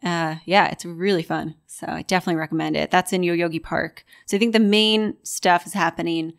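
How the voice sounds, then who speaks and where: Upbeat female co-host, lower pitch, breezy with lots of "like". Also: fairly even intonation, fairly quick, gravelly. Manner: upbeat, frequent "like". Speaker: podcast co-host. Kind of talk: casual podcast chat.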